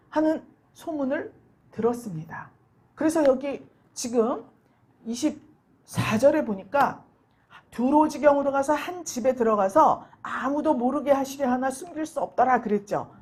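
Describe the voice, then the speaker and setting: A woman preaching a sermon in a church, her voice a touch husky. She sits a little high in pitch and brings the story alive by acting out the voices she quotes. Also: darkish tone. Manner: storytelling, acts out quoted voices with rising emphasis. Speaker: pastor.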